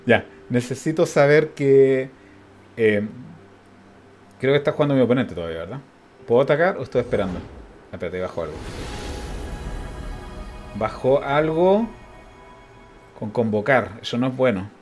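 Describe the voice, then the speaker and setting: A man with a Chilean accent giving casual gameplay commentary as a streamer, thinking aloud, counting out loud and chuckling often. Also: medium pitch, expressive, normal speed, pauses often, soft background music.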